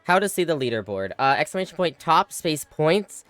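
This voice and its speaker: His voice fairly high and bright, the streamer sounds very animated at normal speed while he plays a strategy game live, yet still tired and yawning. He chats with viewers, thinks aloud and exclaims a lot. There's no echo, just faint background music.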